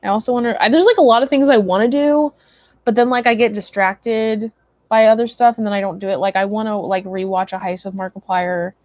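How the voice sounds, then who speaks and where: A woman's voice: mid-range voice, steady tone, fairly quick, a little mellow, no echo. A tired young woman chatting casually with her stream viewers, rambling with many likes and ums. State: tired, yawning. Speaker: livestream host.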